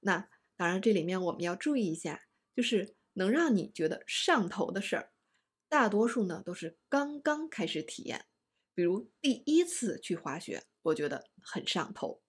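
Breathy woman teaching in slow clear steps. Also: on the low side. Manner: slow, careful explanations with stressed example words. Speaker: Chinese language teacher. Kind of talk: scripted online lesson.

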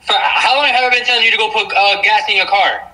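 A man's voice: high voice, animated, fast talker, sharp tone. A young man questioning and scolding in casual talk over a video call, heard through a phone speaker. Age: young adult. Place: at home indoors. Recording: distant, husky video-call speaker sound.

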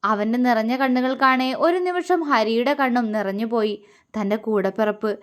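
A woman storyteller narrating a family love story in a gentle, expressive reading. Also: fairly high pitch, moderate pace.

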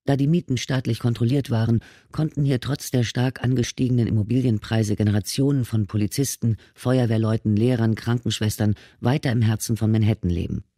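Man, audiobook narrator, measured reading, mellow voice, dry close recording. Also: medium pitch, steady tone, no echo. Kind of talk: scripted narration.

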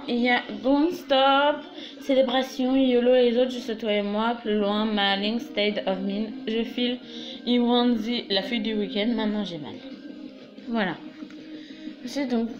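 Showing her fan collection in a relaxed show-and-tell, a young woman chats in a voice on the high side, filling gaps with "voilà" and "du coup." The small-room recording has its highs cut off.

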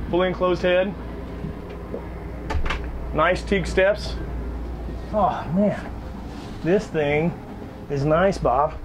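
Man, excited boat-dealer host, slightly high voice, faint outdoor noise. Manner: upbeat salesy and excited. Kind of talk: enthusiastic boat walkthrough.

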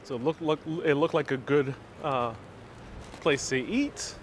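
A man's voice: a little high, slow, slight background noise. A man in his thirties from Puerto Rico, chatting and explaining as he walks outdoors, recorded on a phone held at arm's length. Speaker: travel vlogger live-streaming. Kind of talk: casual live-stream narration. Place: outdoors on a city street beside a market.

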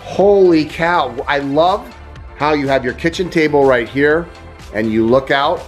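Enthusiastic middle-aged pond-tour host. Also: male voice, fairly high pitch, soft background music. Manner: enthusiastic, quick compliments, lots of laughter. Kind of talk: enthusiastic home-tour vlog. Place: house and backyard, outdoors.

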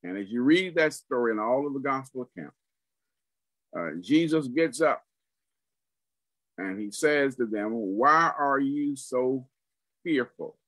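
A man preaching a sermon, teaching slowly and deliberately, repeating phrases for emphasis. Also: medium pitch, expressive, no room sound, low-quality recording.

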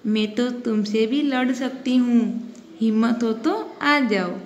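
A tiny, bold female fly who taunts and dares, as a woman puts her on. She speaks slowly in a fairly high voice in an echoey room with a faint hiss. It is a children's storybook reading. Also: lo-fi sound. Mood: defiant. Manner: defiant, mocking.

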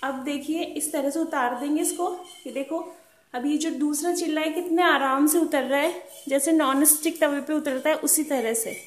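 A woman with a high voice calmly demonstrates a recipe at her home stove, patiently repeating each tip for her viewers. The kitchen sounds roomy, with pans clinking behind her. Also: normal speed. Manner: calm, patient instructional talk, repeats tips. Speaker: cooking channel host. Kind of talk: step-by-step cooking demonstration.

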